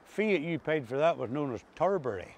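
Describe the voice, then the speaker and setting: Speaking on the high side with big pitch swings and a slightly fast pace, an older interviewee looks back on farm life. He has an Ulster Scots accent and uses broad rural dialect in casual chat. Clear outdoor ambience fills the grassy coastal path by the sea where he stands.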